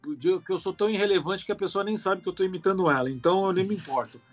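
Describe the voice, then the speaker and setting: A Brazilian man, comedian and TV writer, chatting casually as a guest with relaxed slang and casual swearing. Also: high voice, racing, faint music behind. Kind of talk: casual interview chat.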